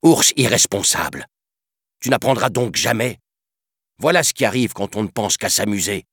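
A man doing a stern husky panther. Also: extremely low pitch, a little slow, dry recording, clean studio sound, heavily acted. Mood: scolding. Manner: reproachful and firm. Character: stern scolding panther guardian. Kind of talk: storybook narration.

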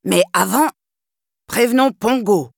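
A woman's voice: medium pitch, slow pace, gravelly, no echo, studio quality. A woman voicing a serious old male detective dog who grumbles steadily. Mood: concerned.

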